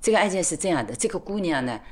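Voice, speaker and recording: A woman lawyer recalling her cases in an interview, talking deliberately with many filler particles. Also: on the low side, very animated. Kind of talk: interview recollection.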